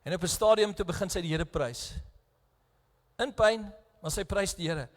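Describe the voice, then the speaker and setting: Emotional South African pastor in a hall. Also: male voice, high voice, moderate pace. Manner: emotional, earnest, swings between hushed and raised. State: close to tears. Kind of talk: bilingual sermon. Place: church. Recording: echoey church hall.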